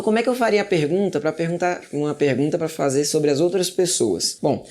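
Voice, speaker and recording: An English teacher with a Brazilian Portuguese accent, giving a casual, reassuring video lesson and slowing down to drill example sentences. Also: medium pitch, darkish tone.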